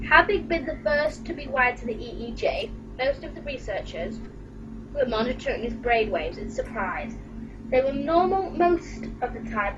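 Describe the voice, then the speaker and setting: Woman hosting a creepypasta read, voice going. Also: fairly high pitch. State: losing her voice. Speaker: channel host. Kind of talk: casual creepypasta reading and chat. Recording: muffled, distant mic with music.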